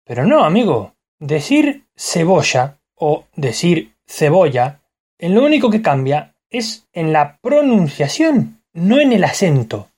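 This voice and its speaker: Argentine-accented vlogger, animated and explanatory, friendly asides to the audience. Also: medium pitch, measured pace, few pauses, breathy edge. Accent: Argentine Spanish. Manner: explanatory, addresses listeners as friends. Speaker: vlogger musing on language. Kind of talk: casual spoken reflection.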